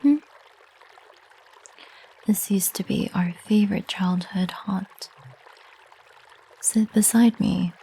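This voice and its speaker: Woman acting a young succubus, ASMR role-play, very breathy, slow, intimate, teasing, possessive ASMR sweetheart. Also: medium pitch, steady tone, full character voice. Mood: playful, coaxing. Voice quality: breathy, soft.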